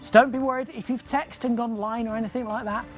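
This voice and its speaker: Male bingo caller, high voice, live-stream host, repeated number patter, faint music behind. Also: fairly even intonation, quick pace.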